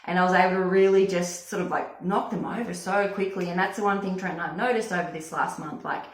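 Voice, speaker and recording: A woman's voice: lowish voice, fairly even intonation, quick pace. A woman talking casually and effusively as a wellness coach, giving an informal personal testimonial. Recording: echoey room.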